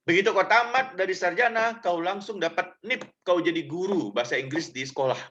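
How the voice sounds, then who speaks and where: A man's voice: high-pitched, brisk, lo-fi sound. A man voicing an older male university dean who talks to a student in a blunt, familiar, teasing way. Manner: loud, bossy, chummy.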